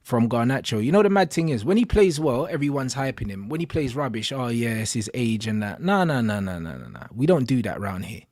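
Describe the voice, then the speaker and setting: A man's voice: mid-range voice, very animated, fairly quick, hardly any pauses, darkish tone, no echo, studio quality. A man with a London roadman accent, ranting casually about football in emphatic, repetitive street slang. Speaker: football fan pundit.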